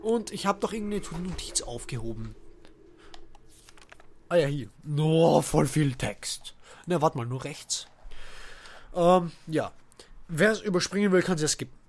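A man commentating a horror game as he plays, swearing and shouting at enemies. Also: on the high side, lively intonation, a little slow, pauses often. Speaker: let's play gamer.

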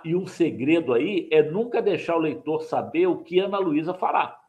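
Older male writing teacher, slightly higher pitch, explains point by point for a live webcam class. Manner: didactic, repeats key points, asks viewers to like and subscribe. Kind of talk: live online mini-lesson. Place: home study with bookshelves.

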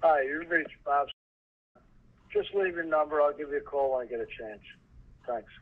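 A man's recorded answering machine greeting, played back through a phone line with a brief, flat delivery. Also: fairly high pitch, moderate pace. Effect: voicemail greeting heard over a phone line. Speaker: dealer's voicemail greeting. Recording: tinny phone line from a speaker.

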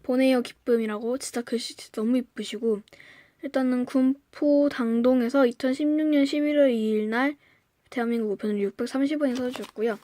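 Excitable young woman unboxing, soft voice. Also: high voice, brisk, no echo, studio quality. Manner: excitable, gushing, often gasps and drops to a whisper. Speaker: fan vlogger reviewing merchandise. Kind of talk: casual unboxing chat.

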